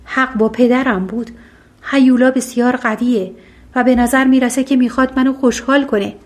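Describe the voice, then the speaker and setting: A woman reading as a gentle young heroine. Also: a little high, fairly even intonation, close to an everyday voice. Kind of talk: audiobook storytelling.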